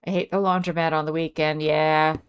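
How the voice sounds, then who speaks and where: A woman's voice: deep voice, level tone, a little fast, smooth. A woman streamer chatting casually with her viewers, reading out and answering chat messages. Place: home.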